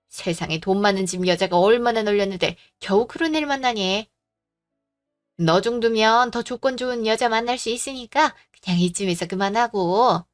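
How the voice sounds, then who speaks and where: A woman's voice: on the high side, natural voice. A woman playing a scolding greedy mother-in-law. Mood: scornful. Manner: scolding, demanding, condescending. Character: greedy, domineering middle-aged mother-in-law. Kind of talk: Korean audio drama acting.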